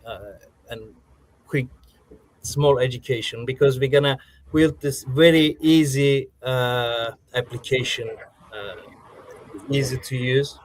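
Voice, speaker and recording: A man from Turkey speaks English as a second language with a clear Turkish accent. He answers a panel's questions on a remote call, eager and halting, stacking fillers and false starts. His pitch sits in the middle range for a man. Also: fairly even intonation, low-quality recording. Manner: halting non-native English, many restarts and fillers, eager. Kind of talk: live Q&A answers. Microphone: video call.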